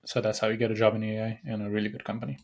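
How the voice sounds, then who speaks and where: A man's voice: lowish voice, completely flat delivery, racing, a little mellow. A young man from Nepal hosting a solo podcast, talking casually and rambling with many fillers and restarts. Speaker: podcast host.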